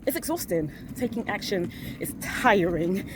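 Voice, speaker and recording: Outdoors on a city street, a woman records a casual vlog on the phone she holds up to her face. Her mid-range voice has lively intonation and a measured pace, and she rambles candidly, correcting herself with small laughs, over a backdrop of traffic and street noise.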